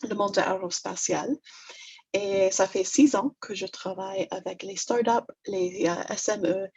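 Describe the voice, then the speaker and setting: A negotiation trainer from Toronto, whose accent is English Canadian, presents a webinar in French, her second language. Her medium-pitched voice is a little mellow with a breathy edge, and she comes across as hesitant and self-deprecating, using many fillers. The recording is rough.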